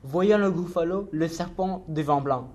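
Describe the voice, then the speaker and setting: A man's voice: a little high, measured pace, a little mellow, slight background noise. Man narrating a rhymed storybook. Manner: clear, rhythmic reading of rhymed verse.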